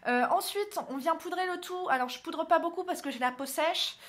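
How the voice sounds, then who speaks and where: A young beauty vlogger from northern France talks through her makeup routine in a very high, brisk voice. Chatty and self-mocking, she films this casual tutorial indoors at home by a window.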